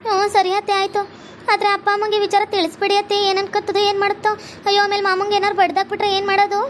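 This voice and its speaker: A woman's voice: extremely high pitch, completely flat delivery, racing, slight background noise, pitched above the performer's own voice. A woman voicing a timid, obedient young bride-to-be. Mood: meek. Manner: soft and obedient.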